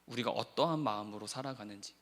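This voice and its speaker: A male pastor preaching a sermon, swinging between hushed, soft passages and loud, impassioned pleading. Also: on the low side, fast talker. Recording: long church hall reverb.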